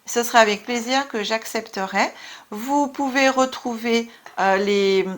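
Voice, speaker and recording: A woman's voice: a little high, a little slow. A woman with a French accent giving a casual spiritual card reading, chatty and full of fillers. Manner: warm, chatty, many fillers and asides. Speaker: tarot card reader.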